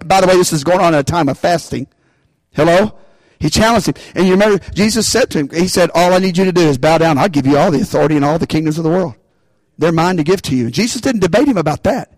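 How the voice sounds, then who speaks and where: A man's voice: fairly high pitch, darkish tone, no echo, rough recording. A man preaching a sermon, calling out to the congregation for responses and rising into bursts of emphasis. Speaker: pastor.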